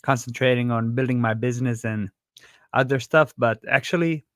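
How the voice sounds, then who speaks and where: A man's voice: medium pitch, moderate pace, a bit bright, dry recording, studio quality. A man, a boxing coach, speaking as an interview guest in a plain-spoken, reflective way. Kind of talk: casual interview.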